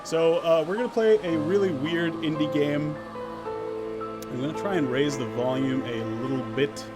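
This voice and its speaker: Over loud music and a clearly noisy background, a man with a slightly high voice runs a relaxed game live stream at normal speed. He banters playfully with his viewers and frequently interrupts himself.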